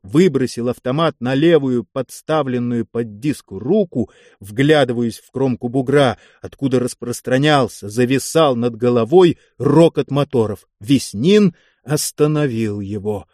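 A man's voice: medium pitch, a little slow, a little mellow, no echo, studio quality. Man narrating a war novel. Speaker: audiobook narrator. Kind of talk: scripted narration.

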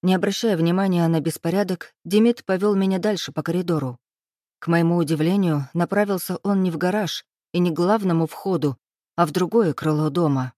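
Measured woman reading an audiobook. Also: on the low side, warm tone, no echo, studio quality. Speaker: audiobook reader. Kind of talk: first-person audiobook narration.

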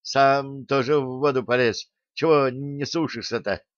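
A man's voice: medium pitch, steady tone, a little slow, no room sound, close to an everyday voice. A man voicing a shivering, stubborn male pensioner who speaks weakly through the cold, in an audiobook reading. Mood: feeble. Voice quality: weak, trembling. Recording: dull dry recording.

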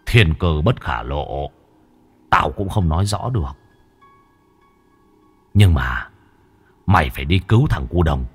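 A man's voice: rumbling low, lively intonation, measured pace, pauses often, husky, pitched below the performer's own voice, exaggerated voice. A man voicing an old ghost who pleads for help for his son in a ghost story. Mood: urgent. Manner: hushed, then urgent pleading. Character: old male ghost, pleading urgently from the underworld.

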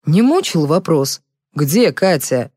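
A woman reads a demanding, menacing young man; sharp, mocking, low-voiced. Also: sing-song, slow pace, slightly rough, dry recording, studio quality, full character voice. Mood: angry. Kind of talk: audiobook character reading.

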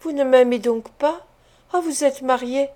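A woman's voice: high-pitched, a little slow, warm tone. A woman reading a storybook, voicing a pale, ardent young man who speaks in a breathless, pleading, tender way.

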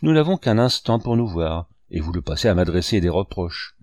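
A man's voice: low-pitched, very animated, brisk, darkish tone, dry recording. A man reading a novel aloud, voicing a young woman who is anxious and pleading with emotion.

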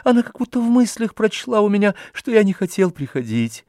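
A man reading aloud and voicing an anxious, impatient gentleman who keeps pressing with worried questions. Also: high-pitched, big pitch swings, a little fast, no room sound, studio quality, pitched above the performer's own voice. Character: anxious, fretful gentleman suitor.

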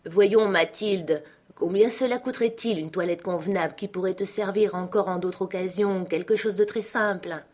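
A woman's voice: medium pitch, moderate pace, a little mellow, close to an everyday voice. A woman voicing a meek, fumbling husband who works as a clerk, stammering and hesitant.

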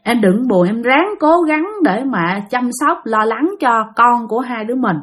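A woman's voice: fairly high pitch, animated, measured pace, fairly bright tone. A woman telling ghost stories in a chatty, casual way, full of filler particles and asides to her listeners. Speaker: storyteller. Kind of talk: casual spoken storytelling.

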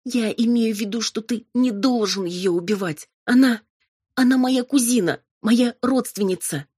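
Woman narrator as a scared, pleading young heroine, husky. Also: moderate pace, warm tone, no room sound, clean studio sound. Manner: high, urgent, pleading.

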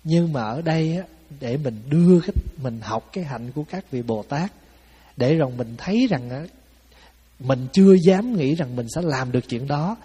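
A monk preaches to a gathering, slipping into the voices of the people in his stories and checking in with his listeners as he goes. His voice is mellow and a little husky. The sound rings out with long reverb, as in a large hall. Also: a little high, normal speed. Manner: lively, conversational, acts out quotes of people in his stories; asks the audience "phải không?". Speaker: Buddhist monk giving a dharma talk. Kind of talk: storytelling sermon.

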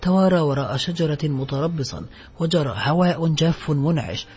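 A man narrating a literary novel as an audiobook in a steady, scripted reading. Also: a little high, husky. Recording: muffled lo-fi recording, faint music.

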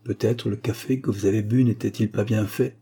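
A man's voice: fairly low pitch, fairly even intonation, fairly quick, mellow, husky. A man voicing a cruel, mocking hunchback who drawls with false friendliness, in a read-aloud story. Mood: coaxing.

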